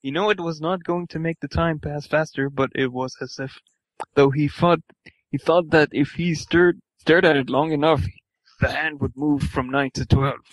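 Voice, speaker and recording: A man with a fairly high, rather evenly inflected voice reads fan fiction aloud as a comedy bit at normal speed, stumbling over words, swearing and laughing at the text. The recording is rough but has no room sound.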